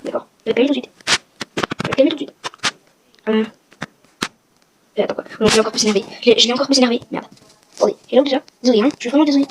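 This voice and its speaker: Fast-chatting woman over clicky noise. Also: a little high. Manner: chatty, rambling, self-mocking. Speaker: gaming video host. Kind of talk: casual game walkthrough vlog. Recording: noisy with clicking sounds.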